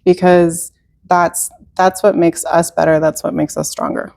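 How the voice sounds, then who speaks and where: A woman's voice: lowish voice, flat delivery, a little slow, gravelly, a little mellow, dry recording. A middle-aged woman speaking earnestly in a conversational interview, with frequent fillers and restarts. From Czech heritage, raised in America. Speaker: museum representative.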